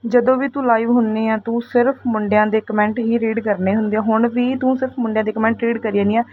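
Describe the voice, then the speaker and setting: A woman's voice: a little high, fairly even intonation, fast talker, no room sound. A woman delivering heated reaction commentary to another vlogger, scolding and confrontational, often tagging her points with a questioning "okay?". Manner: scolding, confrontational, repeats "theek hai?". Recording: tinny phone-like audio with faint hiss.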